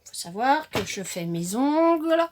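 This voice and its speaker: Slow, chatty woman, slightly high voice. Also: sing-song, background noise. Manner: chatty, hesitant, many fillers and self-corrections. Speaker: crafting vlogger. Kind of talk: casual haul video.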